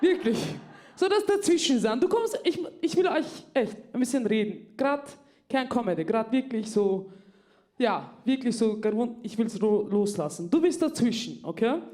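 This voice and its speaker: A woman's voice: fairly high pitch, expressive, normal speed, warm tone. A woman, doing a stand-up comedy set in a club and confiding in the crowd. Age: 30s. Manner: chatty, confiding, addressing the crowd directly.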